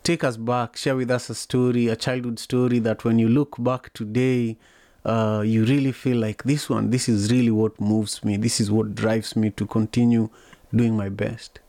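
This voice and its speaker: A man from Kenya with a Kenyan accent, hosting a podcast and asking questions in a steady, conversational way with frequent fillers. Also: mid-range voice, moderate pace, dry recording. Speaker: podcast host. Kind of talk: conversational interviewing.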